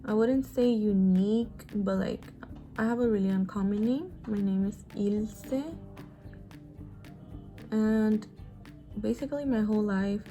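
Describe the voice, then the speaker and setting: Doing her makeup for a get-ready-with-me chat, a woman in her twenties talks casually and openly in a warm, medium-pitched voice. A beauty vlogger who was born in Mexico and grew up in the US, she cusses freely and sighs a lot.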